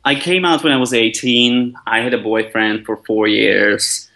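A man, a guest answering interview questions in a friendly, relaxed way, thinking aloud as he talks. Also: medium pitch, unhurried, creaky, rough recording. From Hungary. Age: 20s.

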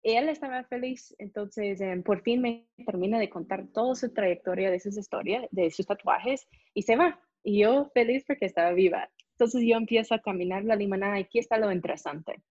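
A young woman with an American accent and native English, telling a lively story as an interview guest and acting out the people in it. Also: mid-range voice, normal speed, few pauses, no room sound. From United States. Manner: animated, acts out voices in her story. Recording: dull, muffled sound.

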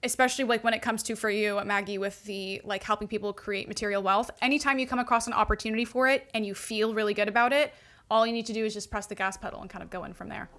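Woman coach talking super fast, bright voice, gushy, says like a lot. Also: mid-range voice, fairly even intonation. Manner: fast and gushing, full of "like" fillers. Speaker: alignment coach, guest. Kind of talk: casual podcast chat explaining astrology.

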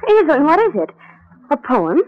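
A tender, indulgent sweetheart soothes her lover in a high, lively voice. She sounds fond and a little patronizing. The old radio recording is dull and dry. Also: normal speed, dry recording. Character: tender, indulgent young woman, gently patronizing. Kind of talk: 1940s radio acting.

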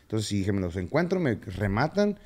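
A man with a Mexican accent, a podcast guest telling his story in casual slang with halting fillers. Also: fairly low pitch, sing-song, a little mellow.

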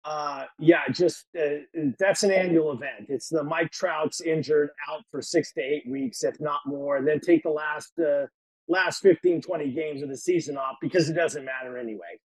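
A man on a sports podcast panel ranting in an exasperated way, with halting restarts. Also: on the high side, no room sound, rough recording. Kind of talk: casual sports podcast rant.

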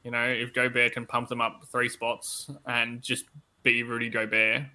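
Male sports podcast co-host, very bright forward tone, conversational and analytical, voice touched by tonsillitis. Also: mid-range voice, monotone, normal speed, rough recording. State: tonsillitis-affected voice that comes and goes. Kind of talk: casual sports podcast chat.

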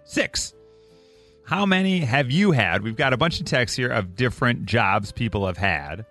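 A man's voice: medium pitch, expressive, moderate pace, fairly bright tone, soft background music. A man hosting a radio morning show from the studio, chatting casually with callers and reading listener texts aloud in an upbeat way. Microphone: studio microphone.

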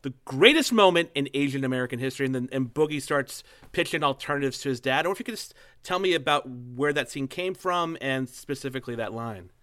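Man, interviewer, bright tone, curious, measured. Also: medium pitch. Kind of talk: interview questions.

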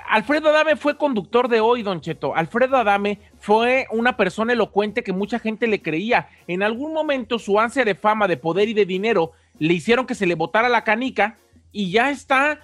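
A man's voice: high-pitched, expressive, normal speed, fairly bright tone, no room sound. A man with a Mexican accent co-hosting a radio comedy show in a casual, teasing, explanatory way. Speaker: co-host. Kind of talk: casual comic chat.

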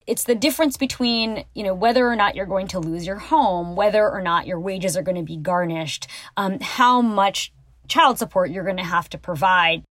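A woman's voice: mid-range voice, moderate pace, fairly bright tone, dry recording. A woman lawyer and researcher explaining her subject as an interview guest.

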